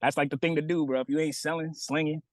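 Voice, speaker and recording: A man from Boston, a rapper, talking casually in an interview from a bus stop, slangy and relaxed, saying "bro" a lot. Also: on the high side, fast, no room sound. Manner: laid-back slangy talk, says "bro" a lot. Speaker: rapper guest.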